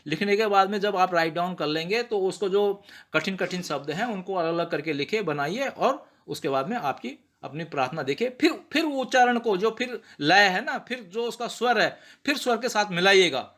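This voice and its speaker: Bright high-voiced man teaching pronunciation. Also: animated. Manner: patient, repeats words slowly and asks rhetorical checks. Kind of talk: explanatory lesson.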